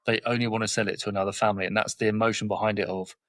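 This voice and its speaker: Fast-talking southern English man in his forties. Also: lowish voice, flat delivery, fairly bright tone, no echo. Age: 40s. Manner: straight-talking, tells anecdotes with quoted dialogue. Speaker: guest, property investor. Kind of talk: podcast interview conversation.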